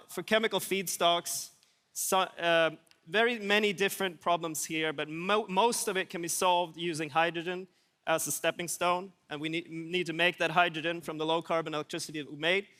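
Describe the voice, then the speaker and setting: A Swedish man gives a conference talk in a high, clean voice that sounds pushed and bright. He speaks casually with dry wit, and a large hall's long reverb surrounds his words.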